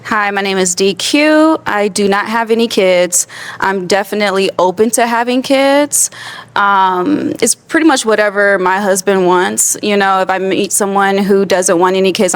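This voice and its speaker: A woman in her thirties, a dating show contestant, answering in an open, rambling way. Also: medium pitch. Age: 30s. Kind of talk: casual chat.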